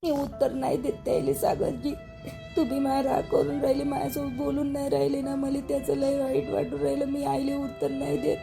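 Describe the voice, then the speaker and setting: A woman's voice: sits high, completely flat delivery, brisk, creaky, over music. A woman playing a tearful young daughter-in-law pleading with her husband, crying, in a Vidarbha Marathi dialect. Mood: earnest. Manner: pleading, apologetic.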